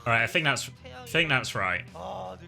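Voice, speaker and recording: A man in his thirties with a very bright, sharp voice that swings up and down a lot, rambling through a casual livestream commentary. He corrects himself often and chats to viewers and a helper, with faint music underneath. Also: mid-range voice, sing-song, measured pace, creaky. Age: 30s. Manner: rambling, self-correcting, talks to chat and a helper. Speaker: esports co-streamer.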